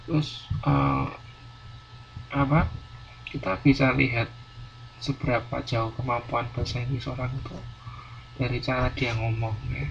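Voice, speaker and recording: A man's voice: medium pitch, steady tone, measured pace, vocal fry, long pauses. A male university lecturer teaching a class, explaining patiently and repeating words with many fillers. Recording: dull lo-fi classroom recording, faint noise.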